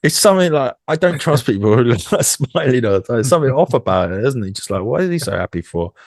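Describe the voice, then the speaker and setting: A man's voice: medium pitch, sing-song, fast talker, no echo, clean studio sound. A British man co-hosting a podcast, chatting casually, laughing and swearing. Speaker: podcast co-host. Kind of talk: casual chat.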